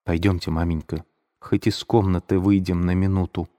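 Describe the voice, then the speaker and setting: A man reading a proud young woman's lines in a soft, restrained voice. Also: sits low, moderate pace, in a large hall. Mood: hushed restrained. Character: young woman, proud but gentle sister.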